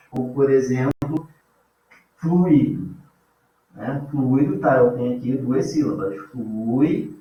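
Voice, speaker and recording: A Brazilian man teaching a grammar class in a casual way, often checking in with his students. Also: fairly high pitch. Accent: Brazilian Portuguese. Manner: casual, checks in with frequent "tá?" and "beleza?". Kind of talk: informal classroom lecture. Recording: echoey room, distant mic, dull sound.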